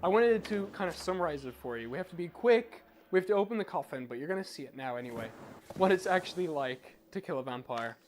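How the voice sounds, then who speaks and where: A man's voice: a little high, animated, quick pace, darkish tone, a little hiss or hum. A man giving casual live game commentary as a streamer, chatty, informal and self-deprecating.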